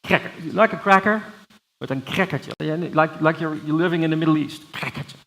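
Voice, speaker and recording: A middle-aged Dutch man with a Dutch accent, giving a playful, energetic conference keynote, full of fillers and restarts. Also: a little high, brisk, low-quality recording. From Netherlands. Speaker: keynote speaker. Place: large conference hall with audience.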